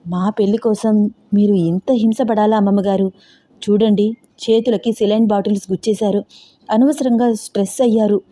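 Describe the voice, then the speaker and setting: A woman's voice: mid-range voice, steady tone, normal speed, dark tone, close to an everyday voice. A woman doing an anxious young woman. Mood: worried. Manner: fretful, pleading.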